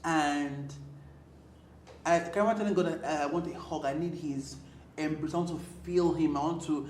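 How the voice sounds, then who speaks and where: A woman, a podcast guest telling personal stories in an animated, emotional way with frequent restarts. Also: low voice, moderate pace. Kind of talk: candid personal conversation. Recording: roomy with faint background noise.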